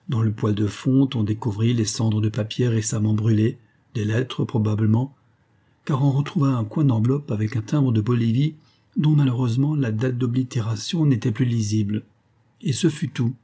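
A man reading a novel aloud as an audiobook narrator in a measured, storytelling way. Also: medium pitch, fairly even intonation, warm tone, breathy edge. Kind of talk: scripted narration.

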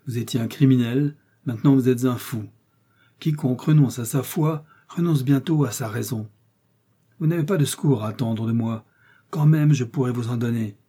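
A man's voice: medium pitch, normal speed, dark tone, slightly rough, lightly acted. A man voicing a sinister, mocking man in a red coat, speaking with cold scorn in an audiobook reading. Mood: scornful.

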